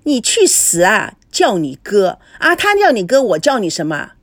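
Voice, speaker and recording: A woman's voice: medium pitch, wildly swooping pitch, normal speed, dry recording. A woman voicing a jealous, hot-tempered mother in a storybook reading, snapping and scolding. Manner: scolding and sharp.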